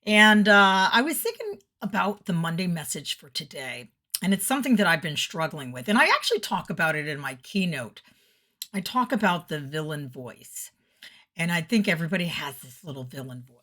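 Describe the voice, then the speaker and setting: A woman's voice: on the low side, big pitch swings, normal speed, pushed and bright. A middle-aged woman and motivational speaker, giving an upbeat, earnest, encouraging video message.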